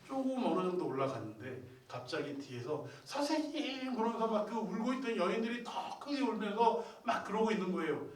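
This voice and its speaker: A man leading a retreat who tells a meditation story in a vivid, animated way, heard in a roomy church hall from off the mic. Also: high-pitched, a little fast, few pauses, distant mic. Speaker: retreat leader.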